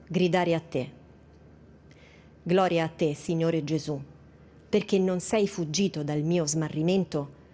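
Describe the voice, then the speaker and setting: A woman reading liturgical prayers and meditations in a slow, measured, prayerful way. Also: lowish voice, warm tone.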